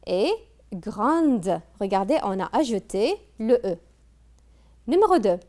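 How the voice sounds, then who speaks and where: Slow, lively-voiced woman teaching French grammar. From Kuwait. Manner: slow, drawn-out teacher talk with lively pitch, prompting students. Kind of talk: classroom grammar lesson.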